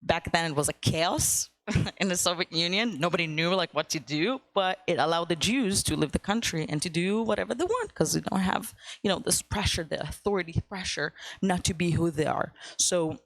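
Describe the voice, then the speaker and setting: A woman's voice: fairly low pitch, normal speed, dry recording. A young woman from Ukraine, giving a casual guest talk to a church class with lots of fillers and upbeat asides. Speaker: guest speaker.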